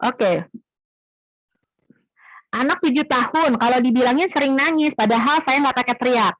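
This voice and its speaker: A woman's voice: sits high, normal speed, no room sound, poor audio. A woman giving a casual parenting talk, answering audience questions and posing her own questions before she answers them. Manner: answers audience questions conversationally, asks herself questions. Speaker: parenting speaker. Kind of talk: live Q&A talk.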